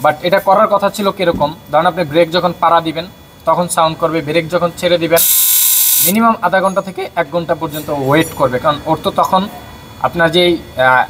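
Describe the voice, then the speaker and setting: A car mechanic with a Bangladeshi accent and a slightly raised voice walks viewers through a fault step by step. He pauses often on filler sounds as he explains. A faint engine hum runs behind him in the workshop. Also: fairly high pitch, fairly bright tone. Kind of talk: workshop demonstration.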